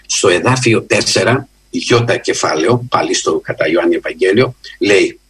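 Earnest husky-voiced male preacher. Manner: earnest, emphatic, with lively rises in pitch and slow stressed phrases. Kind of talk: sermon.

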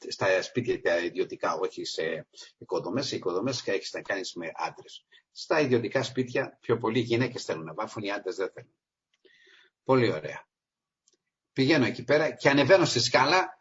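A man preaching an informal sermon to his congregation, emphatic, jumping from loud stressed phrases to low asides. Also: slightly rough. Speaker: lay preacher. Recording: dull lo-fi recording.

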